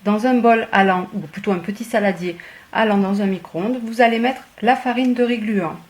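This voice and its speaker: A woman cooking vlogger walking viewers through a recipe in a chatty, casual way, often pausing on fillers. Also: on the high side. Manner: chatty, hesitant with frequent fillers. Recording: echoey room.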